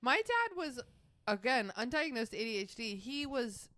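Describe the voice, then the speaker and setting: A woman's voice: fairly high pitch, big pitch swings, normal speed, a bit bright, no room sound, studio quality. A woman co-hosting a podcast, reading old writing aloud and breaking off into joking asides with frequent laughter. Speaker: podcast co-host.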